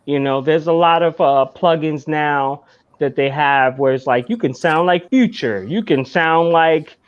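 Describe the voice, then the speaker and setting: A man's voice: on the high side, a little slow, clear, resonant tone. Laid-back swearing man, dull lo-fi sound. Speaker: podcast host. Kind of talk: casual chat.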